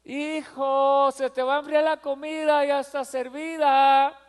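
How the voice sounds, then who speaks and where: A man's voice: very high voice, little pitch movement, a little slow, pitched above the performer's own voice. A man voicing a loving mother who calls her son to dinner, sweet and coaxing. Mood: tender. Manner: sweet and coaxing, then sharp and insistent. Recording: long hall reverb.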